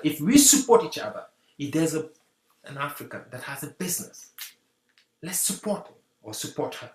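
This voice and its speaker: A guest from Senegal, giving an earnest talk on community unity and repeating rallying phrases. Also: mid-range voice. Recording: roomy echo.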